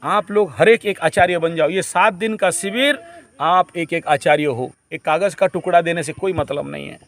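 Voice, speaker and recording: A man with a high voice lectures a camp group. He preaches in a repetitive way and drops English phrases into his teaching. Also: moderate pace, fairly bright tone.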